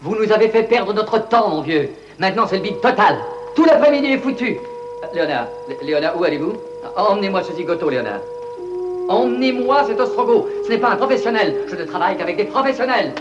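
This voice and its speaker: Snobbish, impatient director; high and curt, dull dubbed audio. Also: male voice, lively intonation, brisk, over loud music. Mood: bossy impatience. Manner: curt, bossy, scornful. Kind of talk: dubbed film dialogue. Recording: muffled film soundtrack with faint hiss.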